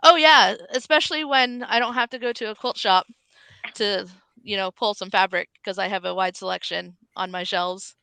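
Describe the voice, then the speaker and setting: A woman's voice: mid-range voice, steady tone, moderate pace, creaky, sharp tone, smooth, no echo, low-quality recording. A woman talking casually as a guest on a podcast. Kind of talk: casual chat.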